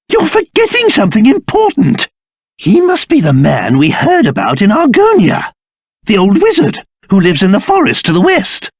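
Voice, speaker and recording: An actor playing a fussy, pompous old king in a video game, theatrical and quick to bluster or dote. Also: high voice, breathy edge, no echo, clean studio sound, exaggerated voice.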